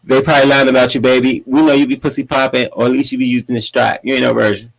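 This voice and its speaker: A man hosting a podcast, giving sassy, dramatic gossip commentary and often jumping into high, mocking voices. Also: level tone, fast talker, vocal fry, poor audio. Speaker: podcast host.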